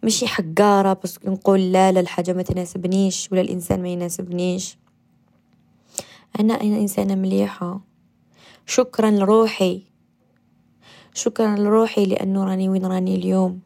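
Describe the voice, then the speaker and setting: Gravelly, gentle Algerian woman guiding meditation. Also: medium pitch, flat delivery, fairly quick, pauses often. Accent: Algerian Arabic. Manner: gentle, coaxing, repeats affirmations, drops to soft whispers. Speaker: radio host. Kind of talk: guided meditation and self-affirmation talk.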